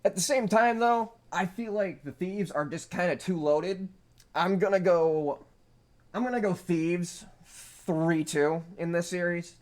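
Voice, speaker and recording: Guy on a voice call, mic keeps dropping out so the volume's all uneven, kinda high voice, laid back chatter. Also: a little slow, darkish tone. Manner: easygoing, lots of fillers and restarts. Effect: mic cutting out, uneven volume. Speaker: podcast co-host. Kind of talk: casual esports chat.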